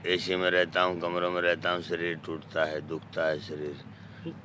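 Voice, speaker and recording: A man's voice: sits low, monotone, normal speed, bright, forceful tone, smooth. A man, an ascetic who solemnly gives blessings and answers questions outdoors. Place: outdoors at a temple fire site.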